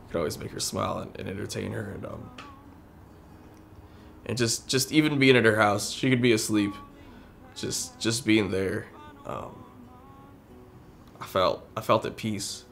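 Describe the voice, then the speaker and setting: A young man speaking candidly in a documentary interview, halting and restarting as he talks. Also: on the low side, gravelly. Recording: soft music underneath.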